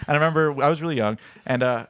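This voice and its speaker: A man's voice: fairly high pitch, very fast, a bit bright, clear, resonant tone, no echo. A man chatting casually as a co-host, telling anecdotes in an informal, rambling way peppered with "like".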